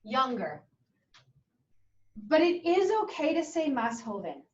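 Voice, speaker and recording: A woman's voice: high voice, very animated, slow. A woman teaching a Spanish class, chatty and encouraging, switching between English and Spanish. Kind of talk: classroom lesson. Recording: muffled classroom audio from a distant camera.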